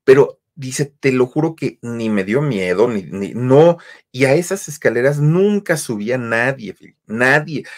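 Man retelling a horror story. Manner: dramatic, pitch jumps on key words, filler-heavy. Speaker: storyteller host.

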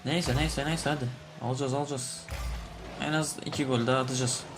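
A young man giving excited commentary on a game he is playing, shouting and cursing at it through a cheap desk microphone. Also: medium pitch, brisk. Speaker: gaming YouTuber. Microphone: cheap desk microphone on a laptop. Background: game music.

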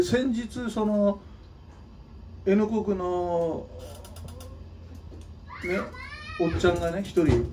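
A man's voice: a little high, far from the mic, background noise. A man from Nagano, Japan, hosting his own channel, giving a blunt, scolding opinion monologue with mocking asides. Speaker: channel host and drummer.

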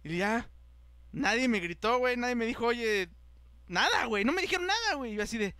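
Young male podcast host with a Mexican accent. Lively, slangy storyteller with a high voice. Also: fairly quick, clean tone, no echo. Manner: animated, acts out the voices of people in his story, heavy slang. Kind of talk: casual storytelling chat.

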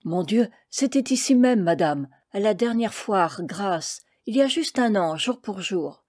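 A man's voice: high voice, expressive, measured pace, darkish tone, dry recording, studio quality. A woman doing Titik, a humble scheming roofer. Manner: humble, apologetic, then pleading.

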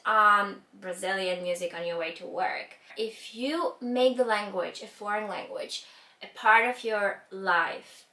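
Standing indoors before a rug backdrop, a woman in her twenties with a Ukrainian accent delivers a scripted talk to camera about learning languages, her hands gesturing expressively. Her fairly high voice is bright and forceful, recorded far from the mic and a little off-mic with a roomy echo.

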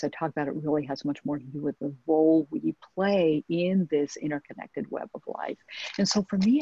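A woman's voice: low-pitched, mellow, breathy edge, no echo. A woman author speaking thoughtfully on a webinar video call, hesitant with many restarts. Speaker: author guest. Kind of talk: reflective webinar conversation. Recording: muffled video call audio.

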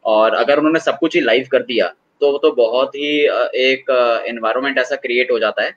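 A man answering interview questions as an expert guest, explaining at length with frequent filler pauses. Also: mid-range voice, highs cut off. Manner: hesitant, many filler pauses.

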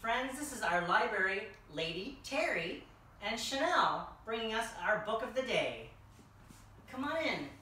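Dressed as a king, a young adult hosts children's story time, reading a picture book aloud in a mid-range, sing-song voice that's a little slow and sharp in tone. The setting is a large furnished indoor room. A distant camera mic picks it up, so the room sounds echoey and there's faint noise.

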